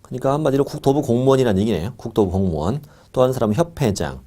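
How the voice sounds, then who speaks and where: A middle-aged man lectures on exam material in a mellow, warm voice at an ordinary pitch. He drills key points by repeating them and asks the class questions he then answers himself. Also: lively intonation, rapid-fire.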